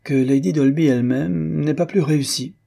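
A man's voice: fairly low pitch, normal speed, darkish tone, slightly rough. A man doing a teasing young society wife. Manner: teasing, ironic.

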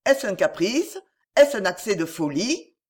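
A woman narrator voicing a noble duke, warm yet commanding. He talks emphatically and presses his points with earnest insistence, in a lively storybook reading. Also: mid-range voice, a little slow. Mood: insistent. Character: noble, warm but commanding duke, middle-aged man.

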